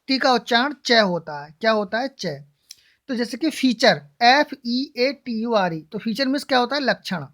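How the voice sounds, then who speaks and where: A woman's voice: a little high, a bit bright. A woman teaching English pronunciation in a classroom style. She asks questions and answers them herself, and spells words out letter by letter.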